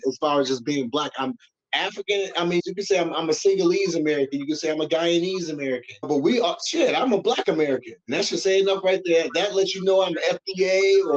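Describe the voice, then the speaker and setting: A man's voice: on the high side, muffled recording. A man in his fifties co-hosting a casual podcast, emphatic and slangy, repeating points for weight. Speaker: podcast co-host.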